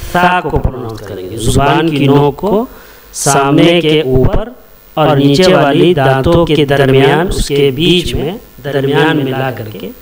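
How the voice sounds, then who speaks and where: A man teaching a slow alphabet lesson, repeating each letter several times and explaining step by step where it is made in the mouth. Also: fairly high pitch. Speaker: Arabic teacher.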